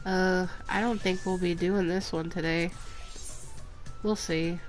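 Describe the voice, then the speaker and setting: A woman game streamer talks in a slow, unhurried way. She chats and gossips casually as she plays, with faint game music in the background. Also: lowish voice, steady tone. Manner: chatty, gossipy, slow-spoken. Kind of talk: casual chat while playing.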